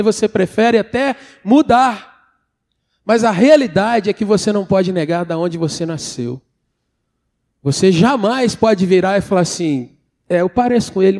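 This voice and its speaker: A man's voice: high-pitched, darkish tone. A man preaching a sermon to his church congregation in a Minas Gerais Brazilian Portuguese accent, earnest and addressing them directly as brothers and sisters. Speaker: pastor. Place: church sanctuary.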